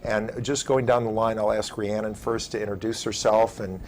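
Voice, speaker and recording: A man's voice: lowish voice, little pitch movement, moderate pace, a little mellow, a little hiss or hum. An American man hosting an interview in a conversational but formal way, as a university provost would.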